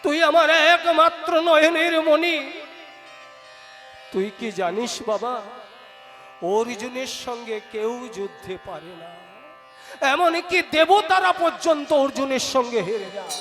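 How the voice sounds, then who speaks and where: A man's voice: extremely high pitch, animated, unhurried, pauses often, exaggerated voice. A man voicing a grieving devoted mother who pleads tearfully, over devotional music. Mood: tearful, pleading.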